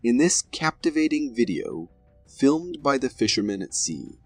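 A man's voice: medium pitch, very animated, measured pace, dry recording, soft background music. A man reading scripted narration for a video compilation in a dramatic, formal manner.

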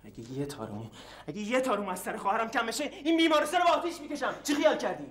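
An actor playing a desperate young man who shouts, pleads and threatens hospital staff to save his dying sister. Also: sits high, sing-song, slightly rough, full character voice. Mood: furious. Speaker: patient's brother.

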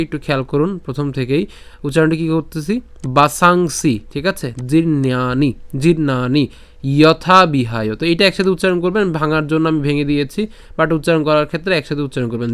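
A man's voice: fairly high pitch, clean tone. A man teaching Sanskrit verse pronunciation in a voice-over lesson, breaking the words into syllables and checking in often with the listener. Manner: breaks verses into syllables, then chants slowly. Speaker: Gita recitation teacher.

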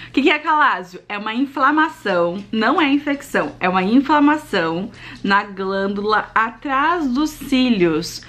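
A young woman, chatting animatedly to her viewers in a casual home vlog. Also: a little high. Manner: chatty, animated storytelling, addresses viewers directly. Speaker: vlogger.

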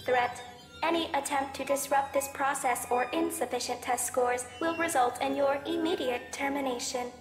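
A woman's voice: high-pitched, steady tone, normal speed. A woman voicing a cold female ship AI in a game, her voice computer-processed, clipped and announcing commands word by word. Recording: echoey game audio with long reverb. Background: game music.

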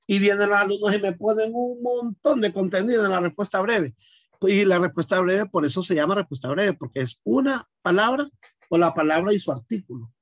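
A man teaching a class, explaining each step out loud and stopping to ask his students questions. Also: high voice, fairly quick, dry recording, studio quality. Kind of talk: online class demonstration.

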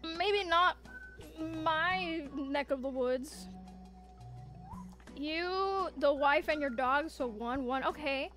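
This VTuber game streamer has a high, slightly bright voice and takes her time as she talks. Over soft background music, she banters casually with her chat, teasing viewers and responding to their messages with theatrical playfulness.

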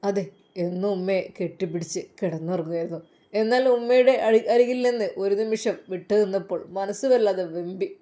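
A woman narrating an emotional story in a slow, heartfelt way. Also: medium pitch, mellow.

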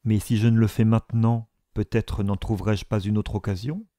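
A man doing a sharp-witted young woman. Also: lowish voice, animated, measured pace, gravelly, dry recording, clean studio sound, full character voice. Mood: guarded. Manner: pointed, questioning. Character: witty, probing young woman at a ball.

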